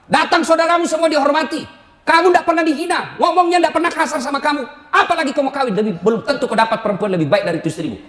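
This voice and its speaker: A preacher voicing a sharp-tongued mother who scolds her son and defends his wife. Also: extremely high pitch, lively intonation, rapid-fire, voice pushed up. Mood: scolding. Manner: scolding, raised. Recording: roomy hall.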